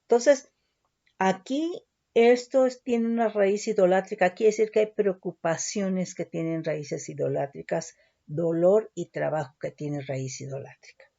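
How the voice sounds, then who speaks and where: A woman teaching the Bible slowly and carefully, who keeps checking in with her listeners with short questions. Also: lowish voice, creaky, mellow. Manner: keeps asking ¿verdad? and ¿sí?. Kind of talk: slow Bible teaching with word studies. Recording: dull lo-fi recording.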